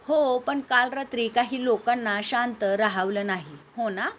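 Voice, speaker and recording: A woman's voice: on the high side, fairly even intonation, unhurried, fairly bright tone, a little hiss or hum. A woman reading as a cheeky young male friend. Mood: teasing.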